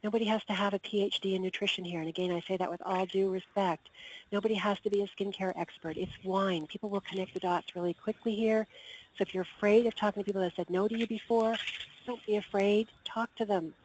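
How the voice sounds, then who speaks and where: A woman's voice: mid-range voice, fairly even intonation, darkish tone, highs cut off, a little hiss or hum. A woman leading a business training call in an upbeat, coaching manner, her voice getting tired. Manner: upbeat, coaching, quick asides. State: losing her voice. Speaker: team trainer.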